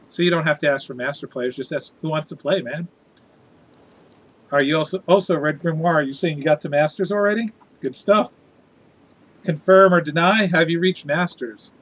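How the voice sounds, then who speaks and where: A man's voice: on the high side, a bit bright, rough recording. A man chatting casually as a live streamer, reading out viewer comments in a playful, jokey, theatrical way.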